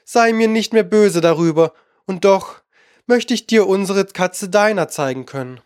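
A man's voice: sits high, animated, a little slow, dry recording, studio quality. A man voicing a polite, curious young girl who talks eagerly and coaxingly.

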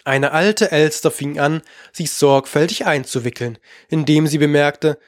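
An audiobook narrator reading a children's storybook with measured expression. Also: medium pitch, dry recording, clean studio sound.

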